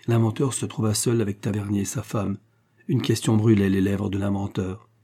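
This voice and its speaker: Low husky guy reading an audiobook, steady and mellow. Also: normal speed. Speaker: audiobook narrator. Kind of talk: scripted narration of a novel.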